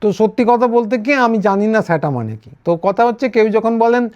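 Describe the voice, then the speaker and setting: Wry high-voiced man. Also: expressive, a little fast, a little mellow. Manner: wry, sarcastic, with frequent hesitations and restarts. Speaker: political commentator. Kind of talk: casual political commentary monologue. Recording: dull, lo-fi recording.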